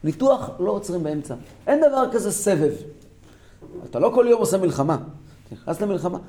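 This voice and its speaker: A man giving a Torah lesson to a group, impassioned, swinging from loud exclamations down to low, intense talk. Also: sing-song, reverberant. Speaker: Torah teacher.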